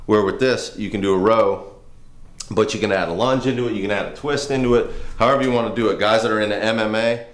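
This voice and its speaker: A man's voice: fairly low pitch, quick pace. A man in his thirties, a firefighter and trainer, giving a casual, earnest workout demo in a home garage, rambling with restarts.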